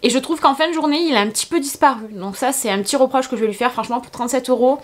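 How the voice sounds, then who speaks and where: A woman's voice: sits high, rapid-fire. A tired young woman, chatting casually through a get-ready-with-me vlog in her bedroom, rambling with many fillers. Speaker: beauty vlogger.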